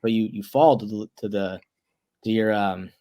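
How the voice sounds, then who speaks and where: In a relaxed interview, a young wrestler in his twenties speaks earnestly as a guest, tripping on his words whenever excitement takes over. He talks at normal speed with a voice on the low side.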